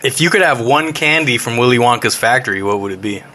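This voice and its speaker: Bright-voiced man firing quiz questions. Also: mid-range voice, expressive, a little hiss or hum. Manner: laughs often, rapid-fire quiz questions. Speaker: podcast co-host asking questions. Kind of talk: casual podcast chat.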